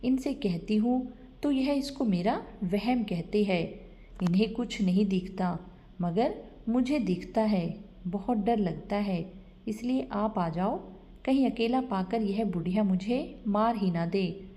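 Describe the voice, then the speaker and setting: A scared, scheming young daughter-in-law, as a woman storyteller puts her on, begging and anxious. She speaks slowly in a soft, mellow voice. This is a storybook reading. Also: mid-range voice, lightly acted. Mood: frightened. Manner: fearful, pleading.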